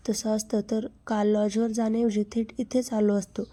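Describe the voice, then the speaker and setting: A woman's voice: mid-range voice, flat delivery, moderate pace, dark tone, natural voice. Woman voicing a brazen, pushy man.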